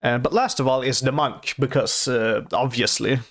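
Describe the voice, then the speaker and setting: A man giving casual reaction commentary on a show, off camera, in a halting, soft-spoken way with many restarts. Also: medium pitch. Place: off-camera voice-over.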